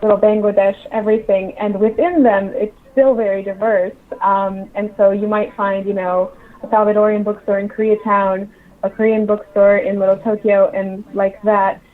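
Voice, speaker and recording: Over a tinny, phone-like call line, a book publisher appearing as an interview guest explains things informally and conversationally. Her voice is medium in pitch, and she speaks at a moderate pace with a flat delivery.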